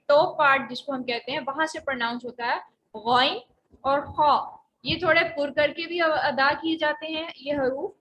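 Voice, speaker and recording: A woman's voice: sits high, pushed and bright, slight background noise, low-quality recording. A woman teaching Quran recitation in an online lecture, explaining pronunciation patiently with frequent hesitations. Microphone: voice only, face not shown.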